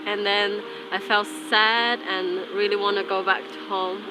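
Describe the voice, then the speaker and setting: A woman's voice: medium pitch, fairly even intonation, a little slow, background noise. A woman from Hong Kong, a university student, speaking plainly in an interview. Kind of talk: documentary interview. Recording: video with music bed.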